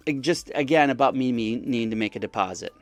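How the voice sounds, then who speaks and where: A scam-baiting content creator recounts his chat with a scammer in a casual, wry, mocking way, often acting out the messages in other voices. His mid-range voice is expressive and quick, with no room sound and soft music in the background.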